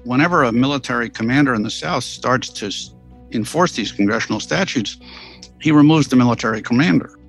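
Male historian guest, mid-pitched, casual and enthusiastic, faint music under him. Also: a little fast, poor audio. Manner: enthusiastic, casual storyteller with fillers. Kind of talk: interview explanation.

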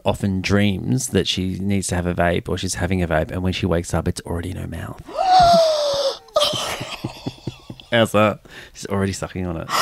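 A man hosting a casual chat, cheeky and quick to laugh. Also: low-pitched, gravelly, no echo. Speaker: podcast host.

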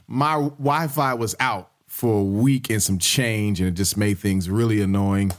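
Deep voiced guy hosting a podcast, casual chatty talk to listeners. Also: a little slow. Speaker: podcast host. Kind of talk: casual podcast outro chat.

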